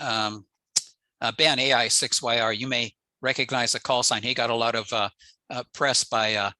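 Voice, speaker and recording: An older American man, an amateur radio operator, gives an informal slide presentation indoors over a video call. His mid-range voice is pushed and bright with no echo, the recording is rough, and he explains things in a matter-of-fact way.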